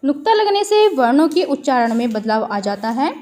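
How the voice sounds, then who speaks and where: High-voiced Hindi teacher, slow spelling. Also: female voice, sing-song, a little mellow. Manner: slow and spelling words out letter by letter. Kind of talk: worksheet lesson for children.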